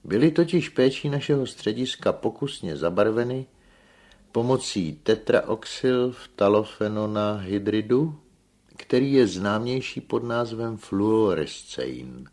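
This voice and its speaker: A man reading aloud and voicing a pompous young male engineer who lectures slowly and emphatically, rolling his R's. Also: lowish voice, expressive, a little mellow, voice pushed up. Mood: lecturing. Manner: slow, emphatic lecturing with rolled R.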